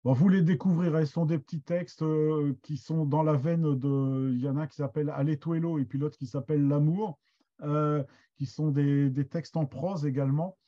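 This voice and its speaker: A man's voice: fairly high pitch, fairly even intonation, normal speed, warm tone, lo-fi sound. A middle-aged man teaching an online master class, hesitant and full of restarts. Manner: hesitant, many restarts and fillers. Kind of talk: online lesson, loose explanation.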